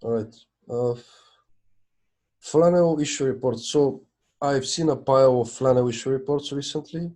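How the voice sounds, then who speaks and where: A man's voice: medium pitch, moderate pace, warm tone. A man talking casually on a video call during a technical meeting, thinking aloud as he checks documents. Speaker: project maintainer in a video meeting.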